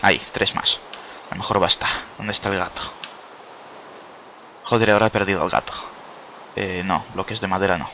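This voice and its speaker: Gravelly man narrating his game. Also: low-pitched, fairly even intonation, normal speed, long pauses, a little hiss or hum. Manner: playful, swearing, coaxing with soft near-whispers. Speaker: gaming YouTuber. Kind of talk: casual gameplay commentary.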